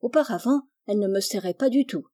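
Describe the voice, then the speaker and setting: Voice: mid-range voice, expressive, fast, warm tone, lightly acted. A reader voicing a shy, polite young girl who is a little vain and talks with some hesitation.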